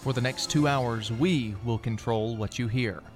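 An ominous voice hijacking the broadcast. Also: male voice, mid-range voice, faint music behind. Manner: slow, measured, commanding. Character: calm, ominous male voice taking over the broadcast. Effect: hijacked broadcast, an intruding voice controlling the transmission. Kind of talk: vintage TV show intro played on air.

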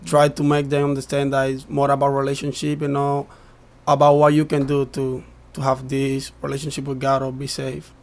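A man's voice: medium pitch, monotone, moderate pace, creaky. A man being interviewed, earnestly explaining his point in a conversational way, with many likes and you-knows. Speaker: interview guest, young people's ministry leader.

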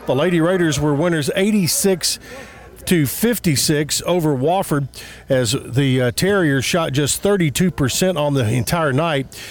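Higher-pitched male sports radio announcer over music. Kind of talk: scripted sports news report on local radio.

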